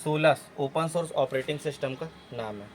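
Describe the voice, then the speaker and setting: A man's voice: on the high side, normal speed, slight background noise, rough recording. A male teacher giving an exam-prep lesson, explaining memory tricks step by step and often repeating and checking with "okay".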